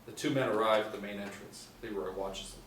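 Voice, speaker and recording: With a fairly low pitch and a fairly bright tone, a middle-aged narrator reads scripted stage directions briskly at a table read. He sits in a small indoor room, and the recording comes through echoey, with a distant mic and faint noise.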